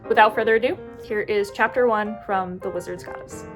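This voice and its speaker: An American woman talks casually about her own book, chatty and a little rambling, often stopping to correct herself. Her voice sits in a middle pitch. Music plays clearly behind her. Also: brisk. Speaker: indie author. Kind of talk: casual chat to camera. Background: background music.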